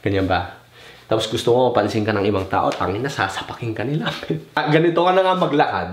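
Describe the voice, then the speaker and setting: A man's voice: lowish voice, fast, a little hiss or hum. A young man vlogging casual advice, mixing Tagalog and English, swearing freely, rambling and losing his thread. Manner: mixes Tagalog and English, swears casually, mimics other people; rambling and loose, loses his train of thought.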